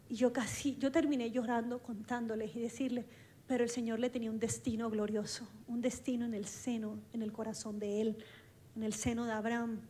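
A woman with a high voice preaches, telling her story in a lively way. She acts out the dialogue as she goes, and she speaks from a church stage. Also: slight background noise. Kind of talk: storytelling sermon.

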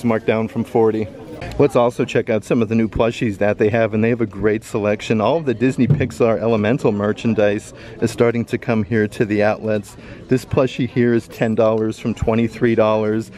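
A man vlogging a casual walkthrough of a large store, upbeat and reading out prices as he browses. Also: mid-range voice. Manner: upbeat, reads out prices, excited about bargains. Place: large indoor retail store. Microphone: handheld camera, filming himself from behind it.

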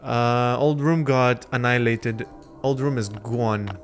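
Soft music plays behind this young adult streamer, whose first language is Lithuanian, as he talks slowly and steadily in a mid-range voice. Indoors at home with a headset on, he rambles casually with his viewers in slang while gaming, replying to chat between moves.

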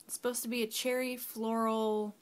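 At a normal speed and in a level tone, a young mother with a fairly high voice rambles through a candle review for her casual vlog. She's at home with kids nearby, leaning on fillers and sometimes whispering.

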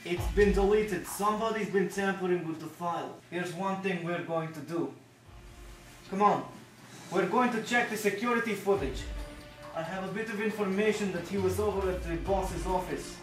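A teenage boy acting as a brooding young orphan investigator in a student film, earnest and questioning, quick to anger. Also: high voice, soft background music, lightly acted. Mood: urgent. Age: teens. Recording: echoey room, distant mic.

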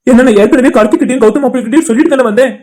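A performer voicing a heartbroken, guilt-ridden young man in an animated cartoon drama, talking in a tearful, pleading way. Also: medium pitch, rapid-fire, natural voice.

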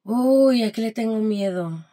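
A woman's voice: fairly high pitch, measured pace. A woman with a Mexican Spanish accent, a guest in a casual interview, telling stories and acting out the dialogue in them. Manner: animated storytelling that acts out quoted dialogue.

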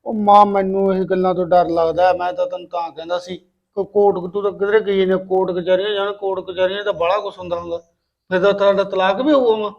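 A timid, worried son, played by a man, with a high voice and quick speech. He questions his mother in a village comedy short film. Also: fairly even intonation, lo-fi sound. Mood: anxious. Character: timid young adult son, anxious.

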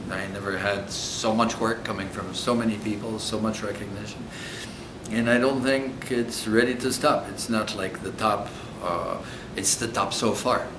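A man's voice: fairly low pitch, steady tone, normal speed, reverberant, noisy background. A man in his sixties with a French accent, a coach thoughtfully answering interview questions in earnest. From Egypt. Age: 60s. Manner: earnest, thoughtful, searching for words. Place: indoor hotel room.

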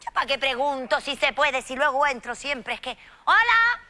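A woman playing an excitable, nosy hotel maid in a TV comedy sketch, gossiping, shrieking and pleading melodramatically. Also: high-pitched, moderate pace, heavily acted. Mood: gossipy.

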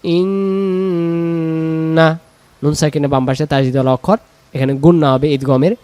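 A man, teaching Quran recitation. He explains the rules briskly, then chants the verses slowly and drawn out. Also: mid-range voice, steady tone, dark tone, dry recording.

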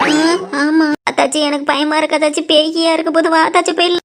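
A woman's voice: high voice, little pitch movement, fast talker, fairly bright tone. A woman voicing a timid, easily scared young village woman in a cartoon. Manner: fearful, pleading. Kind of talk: cartoon voice acting. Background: background music.

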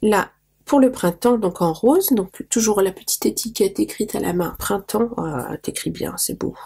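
This craft vlogger talks at a moderate pace, animated, her mid-range voice gravelly and mellow with a breathy edge. Losing her voice, she opens mail in a casual show-and-tell, raving about tiny details to viewers.

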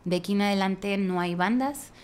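A woman with a Mexican accent, a worship leader, telling a story in lively conversation, laughing often and restarting her phrases with emphasis. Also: medium pitch, moderate pace, smooth.

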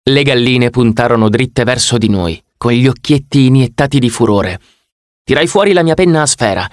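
A man reading an audiobook in the first person, expressive and vivid. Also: medium pitch, normal speed, no echo, studio quality. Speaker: audiobook narrator.

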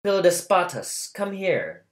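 A man's voice: mid-range voice, animated, moderate pace, close to an everyday voice. A man voicing a grieving wealthy widow who speaks with formal, polite authority. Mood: gracious. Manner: formal, polite commanding speech. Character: grieving wealthy widow, woman, gracious yet scheming. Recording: roomy echo.

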